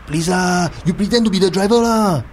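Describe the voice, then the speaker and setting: A man performs a foolish tipsy driver in a Singlish comedy sketch. The Singaporean voice is high and pleading, over faint noise. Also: fairly quick, lightly acted. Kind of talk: comedy podcast sketch acting.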